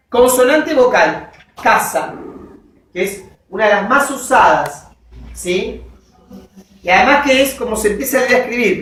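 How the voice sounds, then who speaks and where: A woman lecturer walks through her material at an unhurried pace, spelling things out one step at a time. Her voice carries the echo of a classroom and sounds picked up from some distance away. A faint hiss sits under the recording. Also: mid-range voice, a bit bright. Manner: slow, methodical, checks in with students. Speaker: university lecturer. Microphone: distant recorder in the room. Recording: echoey classroom recording from afar.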